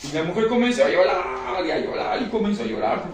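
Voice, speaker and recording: A man's voice: high voice, animated, brisk. A male preacher delivering an emotional sermon, repeating phrases and asking the congregation questions. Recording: echoey room, recorded from far off, faint noise.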